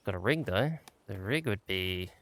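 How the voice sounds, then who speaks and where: A man's voice: low-pitched, expressive, moderate pace, fairly bright tone. A man giving laid-back, casual commentary as he plays a game and talks himself through it. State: out of breath at times. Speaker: gaming channel host.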